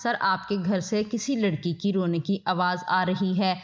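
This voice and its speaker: Woman doing a calm nice young guy in a story, reassuring, muffled lo-fi audio. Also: on the low side, natural voice. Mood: gentle. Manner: gentle, reassuring. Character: kind young male lawyer, calm and reassuring. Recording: dull lo-fi audio.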